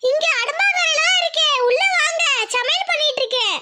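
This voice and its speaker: Woman as worried mum, squeaky high, bright, pleading. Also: normal speed. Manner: pleading, anxious. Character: worried village mother, middle-aged woman.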